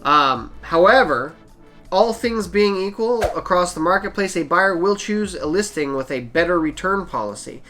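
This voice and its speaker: A man's voice: sits high, animated, normal speed, pushed and bright, faint music behind. Plain-spoken man giving seller tips. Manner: plain-spoken, practical, conversational. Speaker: channel host, eBay seller. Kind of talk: casual how-to talk to camera.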